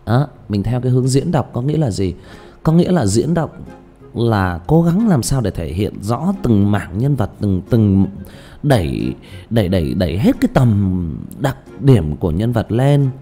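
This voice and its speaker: The man's lowish voice is warm and sing-song, moving at a moderate pace. Hosting a relaxed livestream where he reads ghost stories, he rambles with repeated words and many restarts while faint background music plays.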